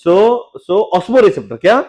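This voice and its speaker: A man teaching biology in a classroom, firing questions at students and teasing them, with quick low asides. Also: very animated, darkish tone. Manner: quizzes students with repeated questions, teasing and joking. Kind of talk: lively classroom lecture.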